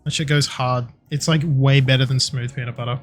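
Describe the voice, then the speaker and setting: A man's voice: mid-range voice, steady tone, a little fast, faint music behind. A young man chatting casually and swearing freely while streaming a game. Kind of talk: casual live-stream chat while gaming.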